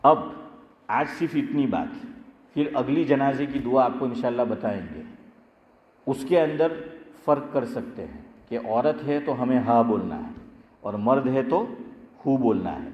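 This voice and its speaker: Male preacher in an echoey hall. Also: medium pitch. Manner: asks rhetorical questions and answers them himself; lively storyteller, rises sharply when telling jokes. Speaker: Islamic scholar and teacher. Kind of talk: Urdu religious lecture with anecdotes. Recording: echoey hall, dull lo-fi sound.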